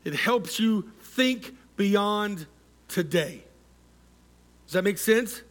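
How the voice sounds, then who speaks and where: High-voiced male pastor, slow sermon. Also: expressive, a bit bright. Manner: interactive preaching, asks the congregation for responses; measured, repeats key words for emphasis.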